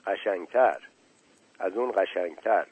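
A man voicing a shy, gentle young male sparrow in a storybook reading, speaking tenderly and hesitantly as he searches for words. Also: low-pitched, slightly rough, phone-quality sound. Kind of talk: storybook character voice.

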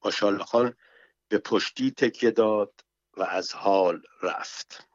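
A man narrating a story as an audiobook, reading in a steady, even way. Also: lowish voice, no echo. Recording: dull, muffled audio.

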